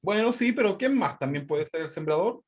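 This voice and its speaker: Fairly quick and expressive, this man's voice sits high. He's running a Bible class online over video call with a Chilean accent, restating his points and checking in with "¿verdad?" again and again.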